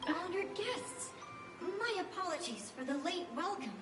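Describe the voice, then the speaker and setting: Casper, a tiny frost spirit. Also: female voice, very high-pitched, animated, unhurried. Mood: formal. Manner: formal, polite. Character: tiny frost spirit lobby manager, formal. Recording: game audio, roomy, music behind.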